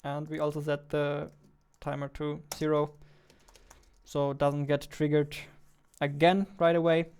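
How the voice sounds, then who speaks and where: Coding live at a desk in a small indoor space, a twenty-something indie developer and stream host offers casual commentary into a boom-mounted studio mic held close. He talks in a fairly high monotone, a little slowly, with a clean, somewhat mellow sound.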